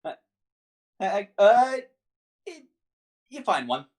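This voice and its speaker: A game master improvising narration for a tabletop game, with a halting, stammering delivery that often repeats words. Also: medium pitch, very animated, darkish tone.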